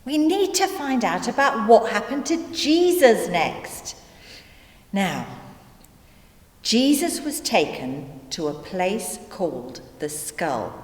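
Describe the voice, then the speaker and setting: An actress playing a female detective who patiently explains the story to her sidekick, in a deliberate way. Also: mid-range voice, sing-song. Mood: exasperated. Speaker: actor in church children's video. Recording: echoey hall with long reverb.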